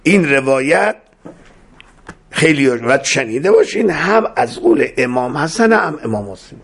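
A man's voice: medium pitch, very animated, a bit bright, husky. A male preacher telling a dramatic story in a sermon, quoting Arabic scripture.

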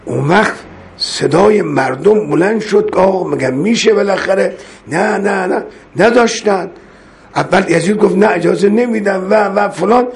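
In a religious sermon, a man recites Arabic verses and explains them, his high, creaky voice impassioned. His delivery is emotional, rising and breaking as he preaches.

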